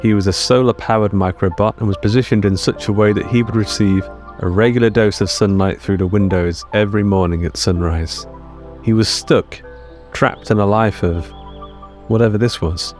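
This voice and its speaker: A man with a fairly low, darkish voice narrates a fiction story over a music bed. He is measured and deliberate, laying out short dramatic phrases in a steady tone.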